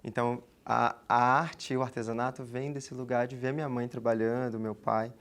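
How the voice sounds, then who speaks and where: A man's voice: mid-range voice, little pitch movement, moderate pace, a bit bright. A man in his twenties from the Amazonas region of Brazil, a guest in an interview who speaks in a chatty, reflective way and often adds tag fillers. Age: 20s. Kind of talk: casual interview talk.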